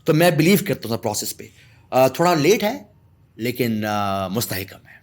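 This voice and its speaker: A man from Pakistan, a guest telling anecdotes in a podcast conversation, laughing as he goes. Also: medium pitch. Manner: animated anecdotal storytelling with laughter. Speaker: guest, artist and storyteller.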